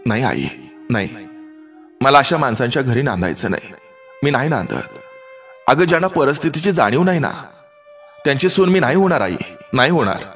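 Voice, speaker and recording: A man's voice: medium pitch, expressive, normal speed, fairly bright tone, soft background music, pitched above the performer's own voice, lightly acted. A man voicing a proud, defiant young village woman with a rural Marathi accent, speaking in a raised, impassioned way. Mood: defiant, indignant.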